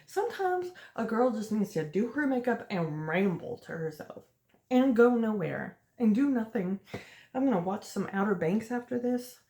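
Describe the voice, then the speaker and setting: Doing her makeup on camera, a woman in her late twenties rambles chattily through a casual get-ready-with-me vlog and laughs frequently. She speaks at normal speed in a high-side, sing-song, mellow voice, with reverberant audio.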